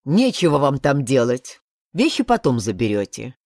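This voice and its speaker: A woman voicing a gruff male sheriff who grumbles and speaks curtly. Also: rumbling low, very animated, normal speed, darkish tone, no room sound, studio quality, pitched below the performer's own voice, exaggerated voice. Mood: grumbling. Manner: grumbling, curt.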